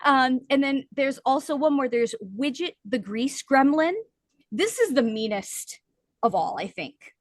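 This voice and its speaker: A woman co-hosting a book podcast in casual chat, explaining points at length with lively emphasis. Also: high voice, unhurried, no echo. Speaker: podcast co-host.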